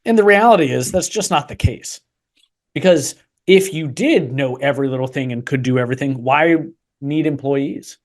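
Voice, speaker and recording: A man's voice: mid-range voice, moderate pace. Sarcastic man co-hosting a podcast. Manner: sarcastic, dry commentary. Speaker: podcast co-host. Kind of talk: casual podcast chat.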